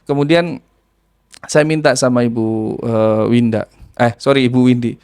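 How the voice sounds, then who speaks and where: A man's voice: medium pitch, fairly even intonation, measured pace, a little mellow, clear, resonant tone. A man telling a ruqyah healing story in casual storytelling, acting out the voices of the people in it.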